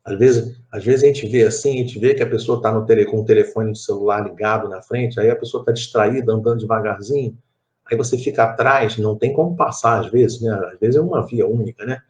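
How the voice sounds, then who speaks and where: This middle-aged man speaks Rio de Janeiro Portuguese as he leads a spiritist study group in Brazil, chatting through stories with many asides and repetitions. He talks fairly quickly in a lowish, slightly mellow voice.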